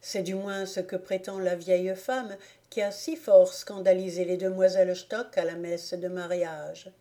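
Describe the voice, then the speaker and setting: A woman reading a classic storybook aloud in a measured, expressive way. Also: on the low side. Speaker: audiobook reader. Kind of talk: storybook narration.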